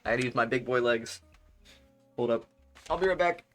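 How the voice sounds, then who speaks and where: A man's voice: medium pitch, a little fast, a bit bright, faint music behind. A young adult man streaming live, chatting casually with his audience in a rambling way and laughing often.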